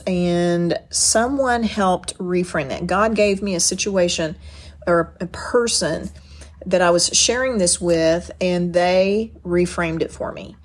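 A middle-aged woman giving an earnest teaching talk on parenting, explaining with personal stories and often restarting her sentences. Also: on the low side. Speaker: speaker on parenting and boundaries.

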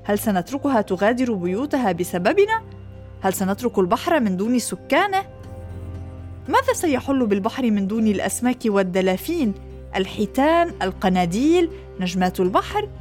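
A woman doing a lively cartoonish banana peel. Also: a little high, fairly quick, faint music behind. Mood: earnest. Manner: lively, raised storybook voice. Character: cheeky banana peel, playful then conscientious.

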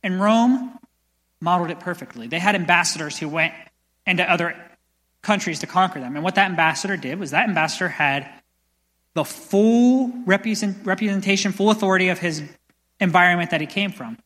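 A young man preaching a sermon as pastor, energetic and building to loud passionate peaks, in a church sanctuary. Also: sits high, a little fast. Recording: long church hall reverb.

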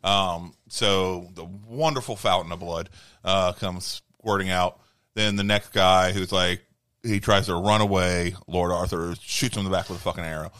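A man's voice: deep voice, steady tone, normal speed, fairly bright tone, no echo. A man co-hosting a podcast, casually retelling a film's plot with lots of swearing. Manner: profane, rambling plot retelling. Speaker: podcast co-host. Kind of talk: casual movie recap chat.

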